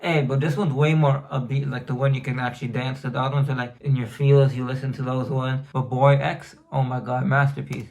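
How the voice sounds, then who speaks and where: Casual male reaction host, slangy and hyped, flat delivery over loud backing music. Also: medium pitch, fairly quick, creaky, few pauses. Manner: slangy, hyped, talks back to the lyrics. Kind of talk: casual song reaction commentary. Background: song playing underneath.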